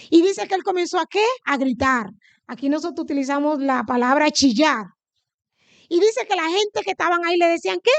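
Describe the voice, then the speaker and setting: A high-voiced Dominican woman preaches to her congregation in a Dominican Spanish accent, repeatedly asking them questions and answering them herself. The recording is dry and close, with little room echo.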